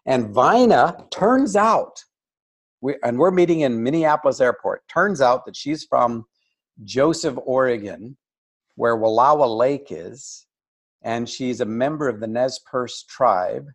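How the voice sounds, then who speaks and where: Speaking a little slowly in a mid-range voice, this older man is a guest on a video call. He tells a casual story with animation, putting on voices for the people he quotes.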